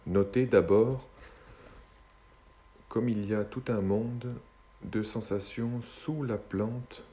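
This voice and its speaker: Low, slow hypnotist voice, male. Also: steady tone, mellow. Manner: slow, soothing hypnotist delivery with long pauses. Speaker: hypnotist guiding relaxation. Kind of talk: guided hypnosis session.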